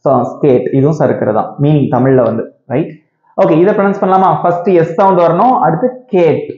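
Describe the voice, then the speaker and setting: A man's voice: a little high, lively intonation, quick pace, dark tone. Man teaching pronunciation in an echoey room. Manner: drills words by repeating them, checks in with "okay" and "right". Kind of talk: classroom-style pronunciation lesson. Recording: echoey room, dull lo-fi sound.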